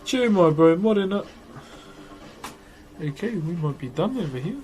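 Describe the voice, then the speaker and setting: A man's voice: sits high, expressive, moderate pace, darkish tone, soft background music. A man with a broad New Zealand accent chats casually on a livestream as he works, in a laid-back, slangy, matey way. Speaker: livestream host. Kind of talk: casual livestream chat while working.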